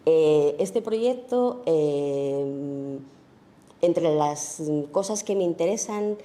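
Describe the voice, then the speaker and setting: Low, mellow-voiced woman giving a talk. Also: lively intonation, drawn-out words. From Spain. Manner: thoughtful, searching, many fillers and tag questions. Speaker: photographer giving a festival talk. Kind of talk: informal lecture on her own work.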